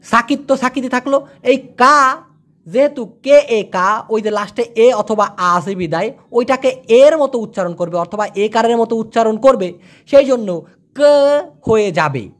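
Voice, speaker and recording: A woman from Bangladesh gives a casual spoken language lesson, slowly repeating words again and again as pronunciation drills. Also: on the high side. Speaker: language teacher.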